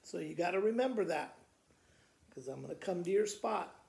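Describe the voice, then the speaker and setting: Seated in a living room beside a fireplace, an older school principal with an American accent reads children's poems to pupils, his high voice gravelly and his delivery slow and expressive. A camera mic a few feet off picks up the room's echo.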